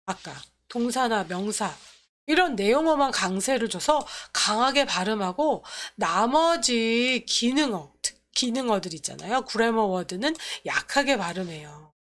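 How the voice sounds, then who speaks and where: A woman's voice: a little high, lively intonation, unhurried, fairly bright tone. A woman teaching English pronunciation and grammar in an explanatory lecture, restating each point and opening sentences with "so". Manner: explanatory, repeats points, starts lines with "so".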